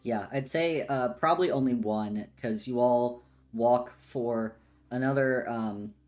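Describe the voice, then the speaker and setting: A man narrating as game master of a tabletop game, slow and relaxed, with many fillers. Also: medium pitch, soft background music.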